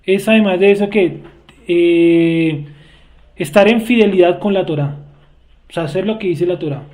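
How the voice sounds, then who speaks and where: A high-voiced man with a Bogotá Colombian accent leads a Bible study group. He talks in a relaxed, conversational way and keeps asking his students whether they understood. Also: normal speed. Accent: Bogotá Colombian Spanish. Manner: conversational, checks understanding often, asks the class questions. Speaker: teacher leading a Bible study class. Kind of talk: informal religious teaching.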